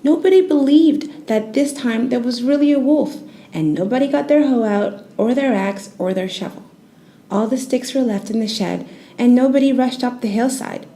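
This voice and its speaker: Reading a children's bedtime tale, a woman storyteller uses a gentle, expressive, soothing narration style, her voice on the high side.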